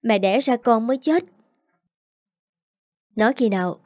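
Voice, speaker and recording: A woman voicing a caring, protective young aunt who speaks gently but firmly. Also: a little high, expressive, unhurried, no room sound, clean studio sound. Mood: tender.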